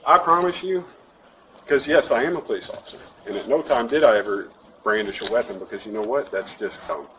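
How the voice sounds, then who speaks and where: A man's voice: on the low side, quick pace, far from the mic. Belligerent man arguing his case over background noise. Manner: belligerent, defensive, argumentative. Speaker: police sergeant being questioned. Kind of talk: heated self-justifying conversation. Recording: background noise from body camera.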